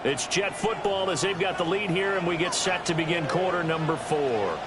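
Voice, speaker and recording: A man with an American accent voicing a brisk, animated TV football play-by-play announcer in a video game. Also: high voice, very noisy, lightly acted. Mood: engaged, announcing. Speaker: play-by-play commentator.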